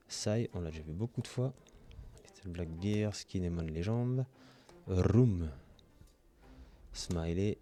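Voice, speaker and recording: A man's voice: sits low, dark tone. A man hosting his own channel, opening trading card packs in casual commentary, reading off card names and gushing with delight over his pulls.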